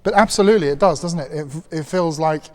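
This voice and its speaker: Playful man, slightly higher voice. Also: fast talker. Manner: playful, jokey, emphatic. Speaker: co-host reviewing perfumes. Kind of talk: casual chat.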